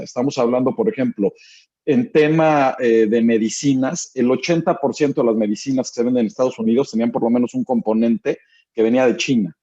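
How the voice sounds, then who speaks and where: A man's voice: mid-range voice, mellow. A man giving a guest presentation in an online webinar, asking rhetorical questions as he walks through slides. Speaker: guest speaker. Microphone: video call. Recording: dull lo-fi call audio.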